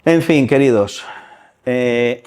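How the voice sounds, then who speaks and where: Brief: man, mid-pitched, joking folksy speaker at a youth gathering, long crypt reverb. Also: slow, a little mellow, clear, resonant tone. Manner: colloquial, humorous storytelling. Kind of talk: religious talk.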